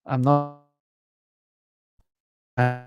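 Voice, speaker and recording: Man, mid-pitch, rambling panel guest on a choppy video call, audio glitching in and out. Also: level tone, very slow, clean tone, dry recording, muffled recording. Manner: rambling, speculative, full of restarts. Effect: voice glitching, cutting in and out over a bad internet connection. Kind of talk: casual panel chat on a live video call.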